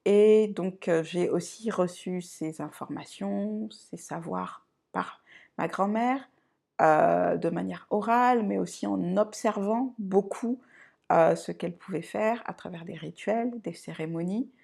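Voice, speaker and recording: A woman from Côte d'Ivoire and France hosts a personal introduction vlog, her voice low-set and strongly gravelly with vocal fry. She talks in a reflective, unhurried manner and often pauses to find her words. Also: a little mellow. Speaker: channel host.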